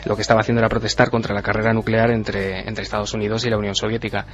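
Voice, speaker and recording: Radio panel guy, monotone, lowish voice, dull audio. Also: very fast. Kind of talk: radio talk show.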